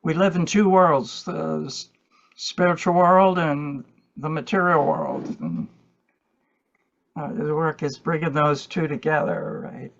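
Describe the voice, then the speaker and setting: A man leads a spiritual gathering in a measured, reflective manner. His voice sits a little high and crackles with fry, and he takes his time. The sound is dull and muffled. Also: expressive, a bit bright. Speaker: group host and meditation leader. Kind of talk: spiritual talk and group facilitation.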